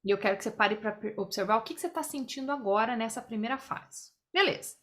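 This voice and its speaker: A woman walks a group through an exercise over a video call, slightly high in pitch. She takes each step in turn, patient and clear, and keeps checking in with a quick question. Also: lively intonation, fairly bright tone. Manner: explains step by step, often checks in with "tá?". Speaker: workshop facilitator. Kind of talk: guiding an online group exercise.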